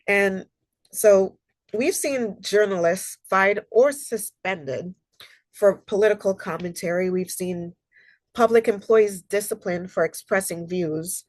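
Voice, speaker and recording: A human rights consultant gives an online library presentation over a video call while recovering from a cold, which makes her sound slightly nasal. Her mid-range voice is slow and the recording is dry. She speaks earnestly and conversationally, with frequent ums and personal stories.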